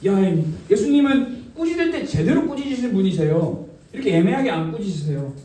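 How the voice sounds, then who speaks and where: A man preaching a children's sermon in a church, telling the story in an animated way and acting out the lines he quotes. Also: high voice, brisk. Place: church sanctuary. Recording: echoey church hall from a distance.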